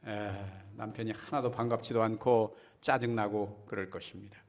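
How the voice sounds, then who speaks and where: A man's voice: fairly low pitch, flat delivery, moderate pace. A man preaching a sermon as pastor, folksy and chatty, often checking in with his listeners. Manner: folksy, keeps asking the congregation "right?".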